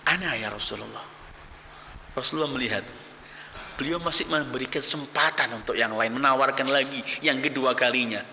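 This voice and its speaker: A man preaching a sermon, telling stories dramatically with loud exclamations and hushed low phrases. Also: fairly even intonation, brisk, slight background noise. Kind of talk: sermon storytelling. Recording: echoey hall with long reverb.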